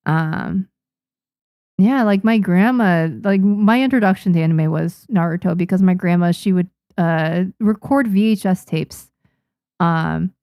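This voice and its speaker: A young Japanese woman, a native speaker who streams as a manga artist, reads viewer comments in a casual livestream chat, often restarting and letting out small laughs. Her voice is lowish, gravelly and warm, recorded with studio quality and no echo.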